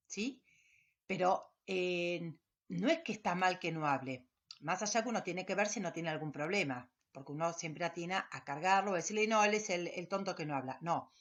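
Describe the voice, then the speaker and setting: A woman teacher with an Argentine accent, explaining a lesson to a class over slides and often checking with a quick question. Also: mid-range voice, lo-fi sound. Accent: Argentine Spanish. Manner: explanatory, asks rhetorical questions with frequent checks of "sí?".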